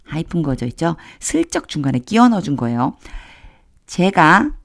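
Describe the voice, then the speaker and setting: A woman teaching an English Bible reading lesson phrase by phrase, patiently explaining grammar and reading each English line slowly and clearly. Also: low-pitched, big pitch swings, darkish tone. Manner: conversational, uses casual pointing words while marking a text. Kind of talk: step-by-step phrase-by-phrase translation lesson.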